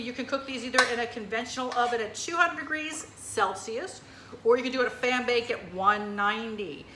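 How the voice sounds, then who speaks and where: A woman's voice: on the high side, pushed and bright, reverberant, a little hiss or hum. A woman hosting a cooking demonstration in a kitchen, talking in a chatty, enthusiastic way with lots of fillers. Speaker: cooking show host.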